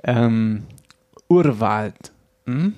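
A man hosting a podcast, joking in quick banter and often restarting his sentences. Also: mid-range voice, lively intonation, darkish tone, muffled recording. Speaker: podcast host. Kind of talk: casual chat.

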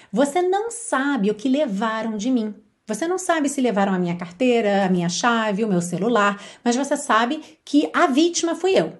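A woman leads a podcast English lesson. Her voice sits slightly high, and she explains things patiently, stretching the English example phrases slowly so listeners can follow. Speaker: English teacher.

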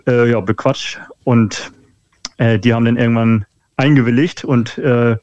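A man's voice: medium pitch, steady tone, unhurried, a little mellow, clear, resonant tone, dry recording. A man calling in over the phone as a guest, chatting casually and hesitantly with lots of filler sounds. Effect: over the phone, a WhatsApp call. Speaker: phoned-in guest, hobby photographer. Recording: dull, dry phone line.

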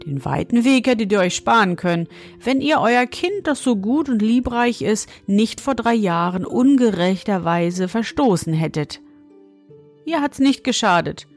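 A woman's voice: on the high side, expressive, measured pace, soft background music. Storybook old woman, stern and commanding but kind underneath, voiced by a woman narrator. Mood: reproachful. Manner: firm, commanding. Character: mysterious old woman, stern yet kindly.

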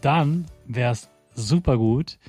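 A man speaking gently and slowly to children as a school speaker, explaining things step by step and acting out short quoted phrases. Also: mid-range voice, slightly rough, faint music behind. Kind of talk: scripted podcast talk to children.

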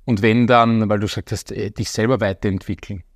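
A man's voice: fairly low pitch, steady tone, brisk. A man interviewing a guest, talking in long emphatic ramblings with frequent restarts. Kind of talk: casual interview talk.

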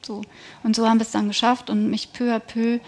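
A woman's voice: a little high, little pitch movement, brisk. A woman speaking in a slightly raised register, earnest and emphatic as she recounts her own experience. She talks as an interview guest, giving a personal testimony of faith in a conversational tone.

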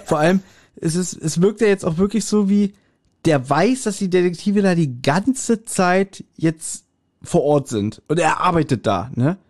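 A man's voice: sits high, expressive, a little slow, darkish tone. A man co-hosting a podcast, casually retelling and discussing an audio drama episode, often laughing. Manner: chatty, retells the plot with frequent laughs. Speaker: podcast co-host.

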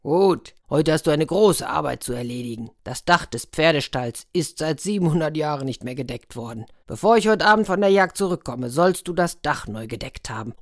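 A woman voicing a gruff, menacing male giant in a fairy tale, speaking loudly and bossily. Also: low voice, dry recording, studio quality. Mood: commanding.

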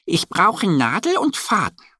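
A man voicing a cheerful, helpful little female duck with a high, eager, chirpy voice. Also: huge pitch swings, a little slow, bright, forceful tone, husky, no echo, studio quality, full character voice.

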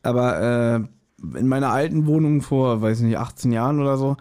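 A man's voice: mid-range voice, normal speed, a little mellow. A man co-hosting a casual podcast, telling stories in a chatty way and often acting out quotes. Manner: chatty storyteller, acts out quotes. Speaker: podcast co-host.

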